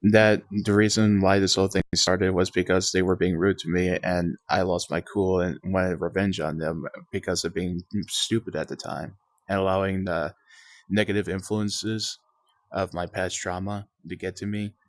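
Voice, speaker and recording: A man with a very low voice, recorded close and dry. In a casual voice chat he defends himself in halting, self-correcting explanations, insisting on his side of the story. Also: flat delivery, no room sound.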